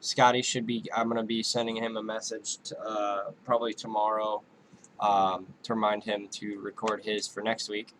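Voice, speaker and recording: A man's voice: on the low side, flat delivery, moderate pace, a bit bright, a little hiss or hum, low-quality recording. A man co-hosting a podcast in casual chat, easygoing and agreeable. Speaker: podcast co-host.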